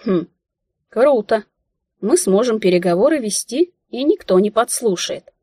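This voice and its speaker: Husky-voiced woman reading an audiobook. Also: on the high side, measured pace, no room sound, studio quality. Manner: ironic and expressive. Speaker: audiobook narrator. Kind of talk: first-person audiobook narration.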